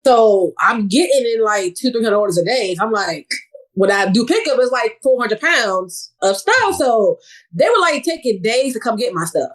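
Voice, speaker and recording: A woman in her thirties, a podcast guest chatting casually in a relaxed way and laughing easily. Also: fairly high pitch, moderate pace, rough recording. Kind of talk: casual chat.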